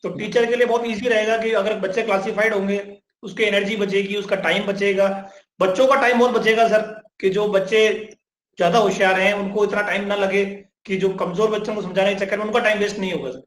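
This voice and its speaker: A man's voice: high-pitched, fairly even intonation, brisk, a bit bright, a little hiss or hum. A man interviewing a guest in a polite, respectful way, often addressing him as sir. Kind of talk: interview conversation. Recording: echoey room.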